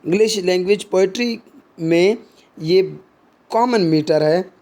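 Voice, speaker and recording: A man teaching poetry terms in a slow, unhurried way, with a high voice that sits well above most men's. He explains in Hindi, drops in English words, and fills his pauses with short hesitations. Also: a little mellow. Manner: mixes Hindi explanation with slow English read-outs, frequent fillers. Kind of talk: explaining literary terms, reading English examples slowly.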